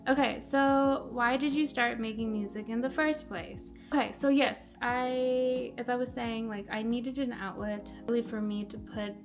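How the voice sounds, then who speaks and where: A young woman from Nepal, a musician, talking casually about her music with lots of filler words. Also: a little high. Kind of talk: casual self-introduction. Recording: music playing behind.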